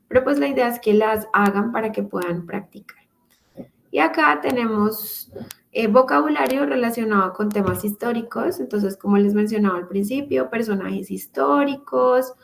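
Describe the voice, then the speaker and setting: Woman, online teacher, unhurried, patient explaining, video call mic. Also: on the high side, creaky, slight background noise, low-quality recording. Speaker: English teacher. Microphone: computer mic on a video call.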